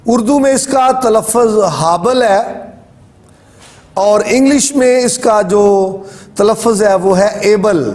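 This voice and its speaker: Male Bible teacher, high voice, measured lecture delivery. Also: a little mellow. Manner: slow, deliberate explanation of word pronunciations. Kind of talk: religious word-study lecture.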